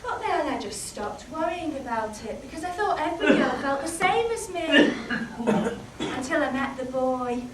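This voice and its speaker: A British woman playing a chatty, candid middle-aged housewife in a solo comic monologue, swinging from hushed asides to loud outbursts. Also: high voice, expressive, moderate pace. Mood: wry. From Britain. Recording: roomy, distant mic, faint background noise.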